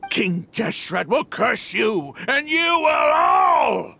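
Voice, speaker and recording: A high-pitched, gravelly male mercenary leader, brash and scornful. He drawls slowly and theatrically like a taunting game villain, with wide swings in pitch. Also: very animated, pushed and bright, slight background noise, exaggerated voice. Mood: defiant rage. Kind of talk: video game villain acting.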